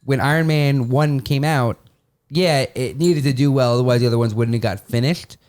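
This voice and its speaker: A man on a podcast in casual chat, telling stories quickly and with animation. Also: medium pitch. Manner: fast, animated storyteller. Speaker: podcast panelist.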